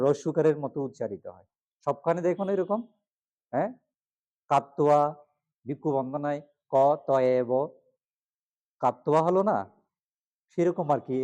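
A man, a Buddhist monk, giving a pronunciation lesson, patiently sounding out words slowly and repeating them for students to copy. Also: mid-range voice, dark tone.

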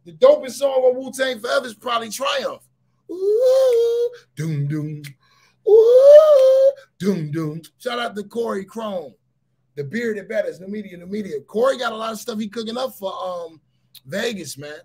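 Husky, animated man hosting a livestream. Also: sits high, fairly quick. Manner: animated, emphatic, repeats phrases and shouts points. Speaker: livestream host. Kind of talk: casual livestream chat with viewers.

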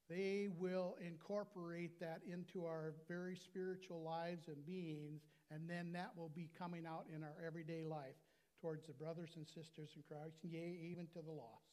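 An older American man preaching a sermon from the pulpit of a small church, slowing down to stress his words. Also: a little high, darkish tone. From United States. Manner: earnest preaching, slows and stresses key words. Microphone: lapel mic at a pulpit.

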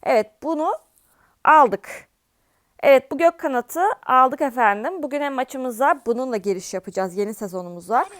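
A woman's voice: high voice, expressive, normal speed, no echo, clean studio sound. A woman giving chatty gameplay commentary as a gaming channel host, often bursting out in exasperation at the game. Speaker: gaming streamer.

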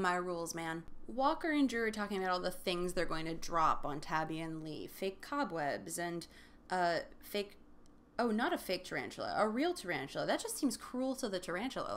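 A woman hosting a comedy show, reading a children's book aloud and recapping it with exasperated, deadpan jokes. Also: medium pitch, slight background noise. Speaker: comedy podcast host. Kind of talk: sarcastic recap and read-aloud of a kids' book.

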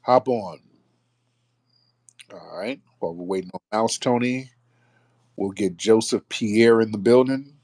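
A man's voice: on the low side, a little slow, long pauses, dry recording. A man hosting a live online call-in discussion, talking casually and bringing listeners up to speak one by one. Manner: relaxed, friendly, calls listeners up by name. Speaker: host of a live audio room.

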